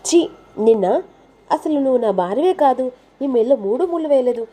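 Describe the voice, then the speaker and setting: A woman reading the lines of an irritable young husband who scolds his wife, in her own mellow voice. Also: high voice, lively intonation, brisk, pitched above the performer's own voice. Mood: scornful.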